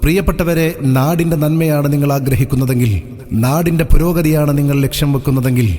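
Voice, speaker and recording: Guy on an outdoor loudspeaker, slightly high voice, formal pleading campaign pitch, long echo. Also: fairly even intonation, fast. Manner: formal, oratorical, pleading appeal. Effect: outdoor loudspeaker announcement. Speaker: election campaign announcer. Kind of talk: scripted campaign announcement.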